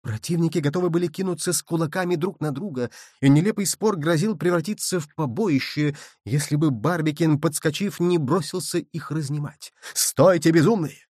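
Lively male audiobook narrator. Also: fairly high pitch, a little fast, no room sound, studio quality. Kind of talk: expressive novel reading.

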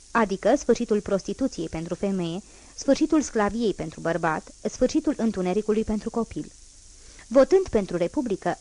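A woman's voice: mid-range voice, a little mellow, lightly acted. A woman reading as a proud old revolutionary man. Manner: firm, emphatic declaiming. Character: fierce old male revolutionary, unyielding and proud.

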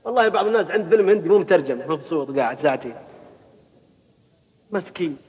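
A man preaching a colloquial sermon, swinging into loud exhortation, recorded at a mosque gathering. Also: on the high side, expressive, racing, in a large hall, narrow, tinny audio.

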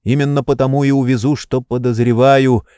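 A man voicing an energetic, insistent friend who urges and reproaches in an urgent tone. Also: medium pitch, fairly quick, clean tone, dry recording, studio quality, close to an everyday voice.

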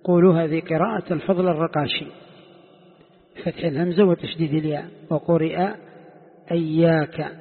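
Brief: male sheikh, lesson delivery, slightly high voice, quizzing students, echoey lo-fi hall. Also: flat delivery, slightly rough. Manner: quizzes students and repeats key points slowly. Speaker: sheikh teaching Quran commentary. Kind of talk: classroom lesson. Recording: echoey hall, tinny phone-like sound.

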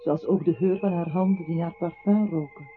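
In a poetic radio play, a man with a fairly high, evenly pitched voice solemnly recounts a captive's own life to him in the second person, acting only lightly at normal speed. Soft music plays underneath, and the old recording sounds tinny and narrow, with hiss.

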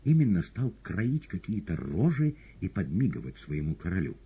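A man reading an audiobook novel in a calm, steady narration. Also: low-pitched, normal speed, breathy edge. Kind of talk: scripted narration. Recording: dull lo-fi audiobook recording.

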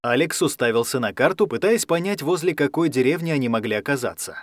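A man's voice: medium pitch, animated, fast, no echo. Male audiobook narrator, dry close sound. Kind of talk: scripted narration of a science fiction story.

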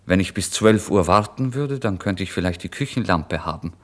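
Casting: a deep, low-voiced man reading a classic novel aloud, measured and dramatic. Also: animated. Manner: measured, dramatic first-person telling. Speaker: narrator. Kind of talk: literary reading.

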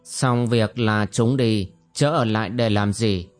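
A calm young swordsman who reasons things out in a steady, slow way, as a male storyteller reads his lines. Faint music sits underneath. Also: on the low side.

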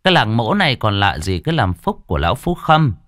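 A man narrating an audiobook story in an expressive, colloquial way. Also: fairly low pitch, brisk, no echo, studio quality.

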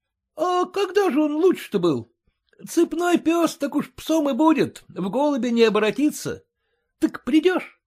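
A man's voice: very high voice, sing-song, a little slow, darkish tone, pitched above the performer's own voice, exaggerated voice. A man voicing a brash young farmhand who teases and bargains cheekily. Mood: teasing. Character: cocky young male farmhand, brash and mocking.

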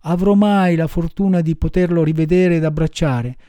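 A man voicing a lively, impulsive wooden puppet boy, raising his voice high for an audiobook reading. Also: moderate pace, clear, resonant tone, no echo, studio quality, natural voice. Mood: pleading. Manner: high excitable voice, jumping up for emphasis. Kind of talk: audiobook character voice.

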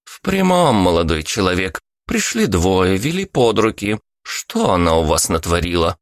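A man's voice: low voice, sing-song, moderate pace, dry recording, clean studio sound. A man voicing a grumpy elderly woman doorkeeper who scolds and grumbles in a storybook reading. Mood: scolding.

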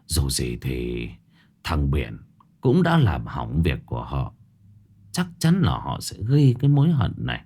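Man doing a gruff elderly father. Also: rumbling low, wildly swooping pitch, measured pace, mellow, pitched below the performer's own voice, exaggerated voice. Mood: grim. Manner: gruff, snapping. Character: stern, worn-out elderly father.

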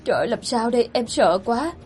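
A woman's voice: a little high, expressive, moderate pace, darkish tone, soft background music, close to an everyday voice. A woman voicing a frightened young girl who pleads anxiously and whimpers in a storybook reading.

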